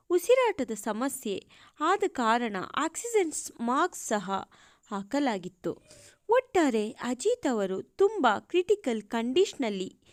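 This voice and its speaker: Woman reading a story aloud, slow and lively, dry close sound. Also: a little high, dry recording. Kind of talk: story narration.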